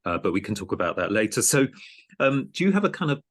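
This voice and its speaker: Hesitant low-voiced man hosting a podcast. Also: sing-song, quick pace. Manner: hesitant, many ums and restarts. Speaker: podcast host and programme director. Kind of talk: conversational interview.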